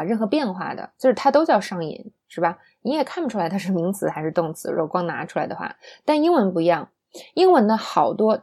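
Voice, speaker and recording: A woman's voice: mid-range voice, darkish tone. Female English teacher explaining in Mandarin. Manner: explains patiently, repeats English examples slowly; asks listeners to agree.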